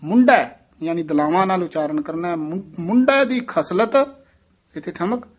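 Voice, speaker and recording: A man teaching the careful recitation of scripture. He reads each line in a measured way, then explains where to pause and how to pronounce words. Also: sits high, lively intonation.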